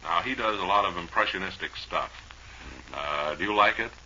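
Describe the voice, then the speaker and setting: On a dull old radio recording with faint noise, a radio host with a deep, sharp-toned voice and moderate pace trades wry, rambling, playful comic banter.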